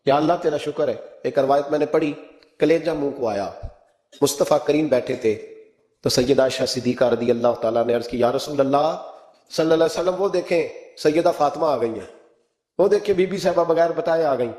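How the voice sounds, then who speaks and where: A man's voice: fairly high pitch, darkish tone. Man, cleric, impassioned sermon, storytelling, raised voice, echoey room. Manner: impassioned, rising into emphatic rhetorical questions; storytelling, acts out quoted speech. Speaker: Islamic cleric.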